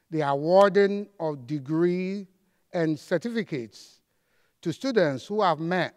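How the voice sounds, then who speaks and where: A middle-aged man giving a formal commencement address on an auditorium stage, reciting with slow, measured pauses. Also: on the high side. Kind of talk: formal ceremonial speech. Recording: long hall reverb.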